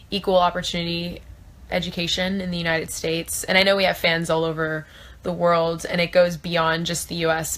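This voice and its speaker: Young woman actor, bright lowish voice, chatty and unscripted, phone held at arm's length. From South Florida. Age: 20s. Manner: chatty, thinks aloud with fillers. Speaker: actor answering fan questions. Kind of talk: casual live-stream chat. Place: small trailer room indoors.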